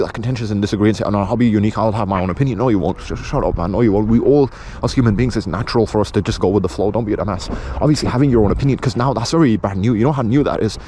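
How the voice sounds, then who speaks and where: A man's voice: on the low side, warm tone, a little hiss or hum. A man from England with a British accent giving an unscripted opinion monologue in an insistent, blunt, repetitive manner. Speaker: video presenter.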